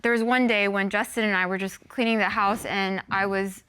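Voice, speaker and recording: A woman's voice: mid-range voice, steady tone, a little fast, fairly bright tone, a little hiss or hum. A woman giving casual testimony as a plaintiff in a TV court, with an aggrieved, complaining manner.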